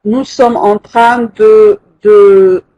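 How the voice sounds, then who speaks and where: A teacher giving a live online language lesson, patient and hesitant, with frequent pauses. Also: medium pitch, fairly even intonation, dark tone, lo-fi sound. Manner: counts syllables aloud, slowly and deliberately. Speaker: French teacher.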